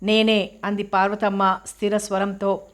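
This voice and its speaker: A woman reading the part of a resolute older female cook who speaks in a steady, firm, solemn way. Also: medium pitch, normal speed, natural voice.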